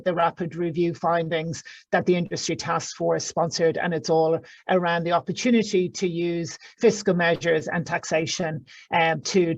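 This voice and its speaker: A woman with an Irish accent chairing an online panel session, introducing the speakers haltingly with many fillers and restarts. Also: lowish voice, dry recording.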